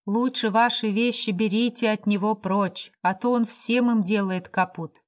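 A woman's voice: mid-range voice, steady tone, a little slow, natural voice. A sympathetic man gives plain, practical advice, read by a woman narrator. He speaks simply. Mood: advising.

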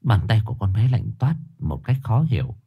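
A man narrating a ghost story in a low, hushed, expressive storytelling voice. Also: normal speed, slightly rough, dull audio.

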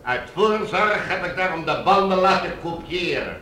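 In a high, sharp voice, a smug, menacing villain who rules a Mars colony speaks with mocking politeness and command, radio-drama style. His intonation is lively and his pace moderate, with the room echoing and a little hiss or hum present.

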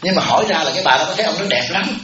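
Joking monk preaching. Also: male voice, on the high side, very fast. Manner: humorous, lively storytelling with audience questions. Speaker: Buddhist monk, abbot. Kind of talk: sermon. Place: temple hall with audience. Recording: echoey hall, muffled, audience noise.

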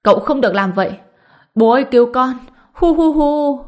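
A woman's voice: mid-range voice, animated, a little fast, voice pushed up, close to an everyday voice. A woman voicing a wicked older woman in an audiobook, tearful and pleading.

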